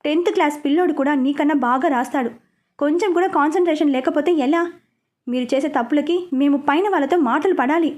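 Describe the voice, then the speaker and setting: A sharp-tongued young woman who leads her team and scolds it sternly, read by a woman narrating a story. Her voice is high and clear. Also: quick pace, natural voice. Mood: scolding.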